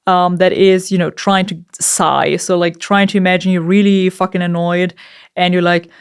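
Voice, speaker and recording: A woman's voice: fairly low pitch, flat delivery, moderate pace, smooth. A woman vocalist talking casually through an instructional lesson, in an informal, chatty way with the odd swear word. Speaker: vocalist giving a screaming tutorial.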